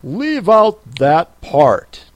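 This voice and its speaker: A man's voice: fairly high pitch, very animated, drawn-out words, voice pushed up, exaggerated voice. A man voicing a pompous, impatient male king who speaks sharply and commandingly. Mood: imperious.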